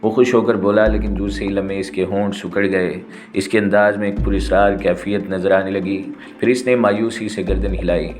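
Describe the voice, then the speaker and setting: A man narrating a spy novel in the first person, in a steady, dramatic storytelling manner. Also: low voice, few pauses, soft background music.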